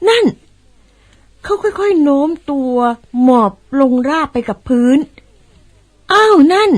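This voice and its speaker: An actress playing an excitable mother who exclaims and describes what she sees, in old-style radio drama acting. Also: very high-pitched. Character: excitable mother, easily startled.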